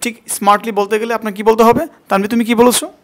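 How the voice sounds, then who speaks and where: A man's voice: sits high, flat delivery, quick pace. A man teaching a spoken English class, repeating words again and again to drill pronunciation and quizzing his student.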